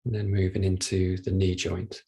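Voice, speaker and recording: Guiding a body scan meditation, this man speaks in a low, husky voice with a gentle, flat tone. He takes his time, giving soft instructions separated by long pauses.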